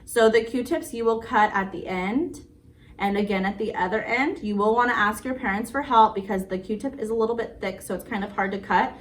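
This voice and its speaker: This woman talks fairly quickly at a medium pitch, hosting story time and crafts for young kids in a plain, sing-song manner. She reads aloud from a picture book and shows a craft. The microphone is distant and the recording noisy.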